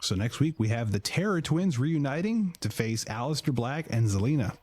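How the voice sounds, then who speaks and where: A man's voice: medium pitch, very animated, normal speed, a little mellow, no echo. A man co-hosting a podcast, recapping shows in a casual, jokey way, often repeating words as he starts sentences. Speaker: podcast co-host.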